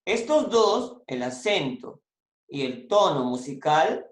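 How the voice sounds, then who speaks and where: A teacher leading an online class over a video call, speaking slowly and deliberately while coaxing answers from the students. The voice sits at an ordinary pitch. The sound is roomy, with a clear echo around it. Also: sing-song. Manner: patient, repeats and prompts students.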